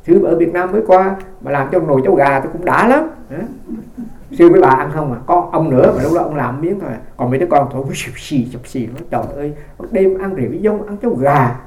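A Buddhist monk gives a relaxed, storytelling dharma talk in a fairly high, mellow man's voice. He wanders through his anecdotes and often restarts phrases. The sound has the roomy ring of a hall. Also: fast talker, hardly any pauses, a little hiss or hum. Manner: rambling storytelling with frequent restarts.

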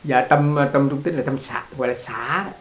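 A man's voice: medium pitch, normal speed, slight background noise. A man teaching as a Buddhist teacher in a conversational dharma talk, repeating words and laughing along with his listeners. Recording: echoey room.

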